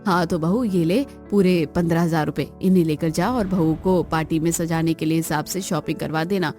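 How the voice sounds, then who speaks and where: A woman's voice: sits low, fairly even intonation, a little fast, dark tone, faint music behind, close to an everyday voice. A woman voicing a strict but caring middle-aged mother-in-law in a cartoon, speaking in a firm, commanding, motherly way. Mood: pleased. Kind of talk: Hindi cartoon voice acting.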